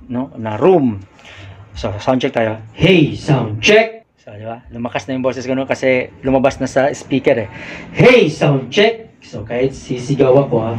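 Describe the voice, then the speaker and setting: A man's voice: medium pitch, slight background noise. Man, casual how-to vlogger, step-by-step explaining, small room, faint background ambience. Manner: explains step by step, shouting test calls into the mic. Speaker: audio equipment vlogger. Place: small room with a mixer and speaker.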